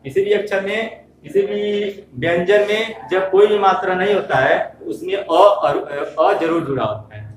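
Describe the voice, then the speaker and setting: Man teacher, fairly high voice, slow and repetitive, asks then answers, echoey room, distant mic. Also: a crowd in the background. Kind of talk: classroom lesson for young children.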